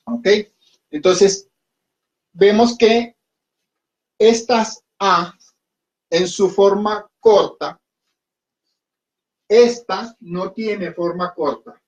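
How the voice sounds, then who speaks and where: Slow, high-voiced man teaching a class. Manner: patient, repeats words and asks "¿ok?" often. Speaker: Hindi teacher. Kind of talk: classroom lesson at a whiteboard. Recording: dull lo-fi recording.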